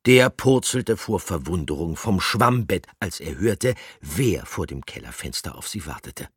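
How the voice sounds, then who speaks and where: Brief: animated male storybook narrator, low, husky, dry studio. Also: measured pace, dry recording. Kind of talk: children's story reading.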